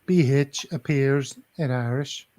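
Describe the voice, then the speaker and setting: A man co-hosting a podcast on a video call. He explains patiently and thoroughly, pausing to spell out words letter by letter. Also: medium pitch, a little mellow. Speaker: podcast co-host. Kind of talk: casual podcast chat.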